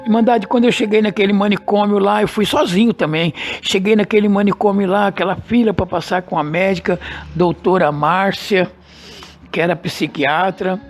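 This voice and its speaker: Guy with a high voice telling his church testimony, slow and dramatic, repeats himself a lot, soft music behind. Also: steady tone. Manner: dramatic, repeats phrases for emphasis; slow, deliberate storytelling. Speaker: church member giving a testimony. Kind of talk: emotional personal testimony.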